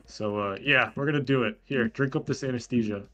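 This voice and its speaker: A man improvising as a doctor in a game role-play, talking in a halting, conversational way. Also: medium pitch, fairly bright tone. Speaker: player acting as a clone-making doctor.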